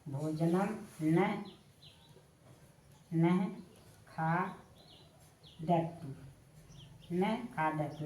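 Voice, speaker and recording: A woman teaching a language lesson, dictating slowly and repeating each word for her students. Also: fairly low pitch, echoey room, slight background noise. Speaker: Sanskrit teacher. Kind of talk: classroom-style lesson.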